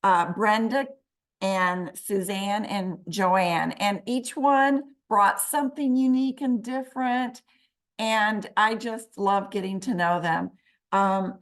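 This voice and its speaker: A woman graduate giving a grateful, hesitant thank-you speech on a video call. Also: mid-range voice. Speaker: graduating health coach student.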